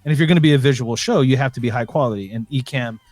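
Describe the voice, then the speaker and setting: Speaking rapid-fire in a mid-range, slightly mellow voice, a live stream co-host banters with and teases his partner from a home computer setup. The casual chat is full of restarts, and there's no room sound.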